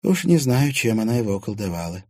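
A man's voice: lowish voice, sing-song, quick pace, dark tone, no room sound, studio quality. A man doing a frank, confiding young sister.

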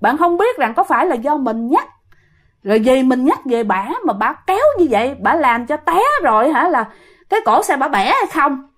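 A young woman with a high voice narrates a ghost story in a loose, conversational way. She chats straight to her listeners and slips briefly into the voices of the people in the tale. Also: big pitch swings, normal speed. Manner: chatty, retells a listener's story with acted quotes of the girls. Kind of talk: casual spoken storytelling.

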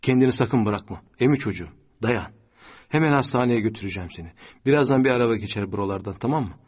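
A man's voice: mid-range voice, animated, fast talker, a little mellow, slightly rough. A man playing an anguished, pleading middle-aged man. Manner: emotional, pleading, tender.

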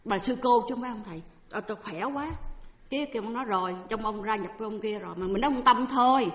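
A Buddhist nun with a Southern Vietnamese accent tells a dharma talk as a personal story, her voice pitched a little high. She is chatty and acts out what others said, now and then slipping in English phrases. Her voice carries through an echoey hall with a long, lingering reverb. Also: very fast.

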